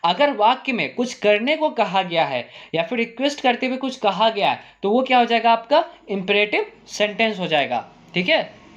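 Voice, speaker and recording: A male English teacher explaining grammar, asking the class rhetorical questions and repeating "ठीक है?" while saying example sentences slowly. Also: high voice, big pitch swings, a bit bright, lo-fi sound.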